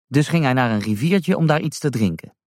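A man reading a rhyming children's story aloud as a storyteller, slow and expressive. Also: mid-range voice, dry recording, clean studio sound.

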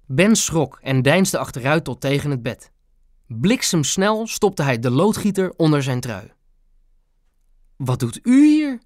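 Male narrator for a children's audiobook, lively, slightly high, dry studio sound. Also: measured pace, dry recording. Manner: lively storytelling.

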